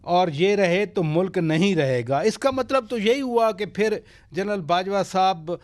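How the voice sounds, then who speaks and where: A man's voice: high voice, lively intonation, a little mellow. A Pakistani man hosting a political talk show, asking probing questions and cutting in with short acknowledgements. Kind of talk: political interview.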